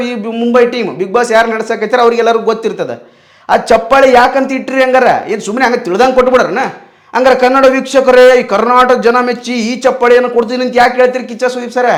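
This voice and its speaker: A young man, delivering an impassioned opinion monologue as a fan, full of rhetorical questions. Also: very high voice. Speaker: fan commentator.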